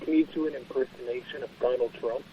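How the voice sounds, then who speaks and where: A man on a radio show's crew, calling out quick requests from off-mic. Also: medium pitch, fairly even intonation, lo-fi sound, a little hiss or hum.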